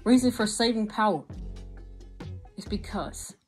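Soft background music plays as a young woman, speaking unhurriedly in a mid-range voice, gives an exasperated, frank anime review. It's casual vlog-style commentary filmed in a small room with a gaming desk setup, and she stays animated, gesturing plenty as she talks.

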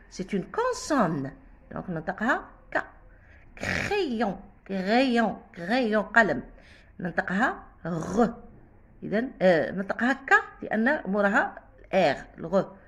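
Breathy-voiced woman teaching. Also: medium pitch. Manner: patient, repeats and spells out sounds. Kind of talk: casual spoken lesson.

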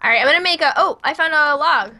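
A woman with a Midwestern American accent streams a co-op video game, chatting casually. Her voice is high and sharp, and she talks quickly.

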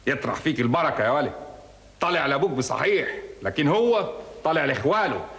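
A stubborn old village father scolding gruffly in an Egyptian accent. His speech is quick and slightly high. The room is roomy with a long reverb tail. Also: animated, a bit bright. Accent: Egyptian Arabic. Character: stubborn grumpy widowed rural father.

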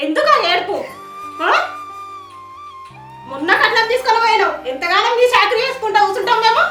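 A woman playing a sharp-tongued, bossy sister-in-law in a short film, speaking. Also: very high-pitched. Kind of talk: amateur short film acting. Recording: echoey room, mic at a distance, music underneath.

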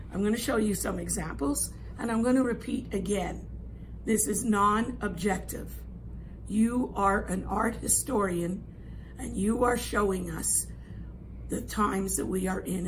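Hoarse, raspy woman teacher in her sixties. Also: mid-range voice, low-quality recording. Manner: instructive, emphatic, checks understanding with "okay?". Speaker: art teacher. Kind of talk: classroom lesson, explaining an assignment. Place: classroom art room, indoors. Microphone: camera a few metres away. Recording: clear room noise.

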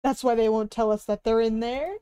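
A woman's voice: fairly high pitch, steady tone, brisk, mellow, clean tone. A young woman chatting casually on a livestream as she browses, with a cute, bubbly anime-streamer delivery and exaggerated reactions. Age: young adult. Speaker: live streamer. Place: indoor room at a streaming desk.

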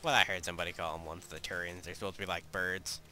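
A man's voice: sits low, level tone, fast, bright, forceful tone, slight background noise. A man giving crude, offhand let's play commentary while playing a game. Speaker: gamer.

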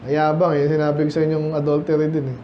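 A man's voice: fairly high pitch, completely flat delivery, quick pace, reverberant, lo-fi sound, slight background noise. A Filipino man preaching at a midweek Bible study, talking conversationally and often asking the congregation questions. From Philippines. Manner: conversational, asks the congregation questions, mixes English and Tagalog. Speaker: pastor. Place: church hall.

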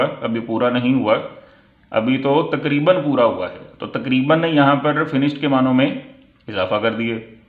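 Man teaching grammar, tinny and echoey. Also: mid-range voice. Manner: slow, deliberate reading of English example sentences, then explaining in Urdu. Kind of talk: explanatory lesson. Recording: echoey room, tinny phone-like sound.

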